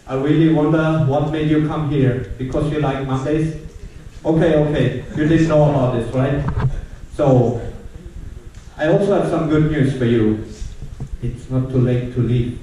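A man's voice: a little high, dark tone, slight background noise. A young man with a German accent, a graduate student giving a playful, teasing, mock-dramatic welcome talk to new students. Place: large lecture hall. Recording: echoey hall from far off.

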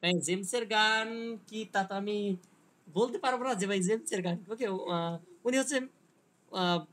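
A man giving an online linguistics lecture who explains slowly, reads English passages aloud and answers students by name. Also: high-pitched, a bit bright. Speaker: teacher.

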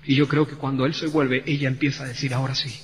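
A man's voice: medium pitch, flat delivery, fast talker. A man pastor from Spain with a Spain Spanish accent, preaching a passionate, dramatic sermon in a church. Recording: church hall reverb with faint hum.

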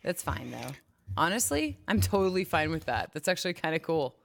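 A woman's voice: low-pitched, very animated, a little fast, creaky, a little hiss or hum. A woman hosting a casual livestream, chatty and giggly, often breaking off mid-sentence. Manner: giggly, chatty, self-interrupting. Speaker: livestream host. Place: home streaming setup.

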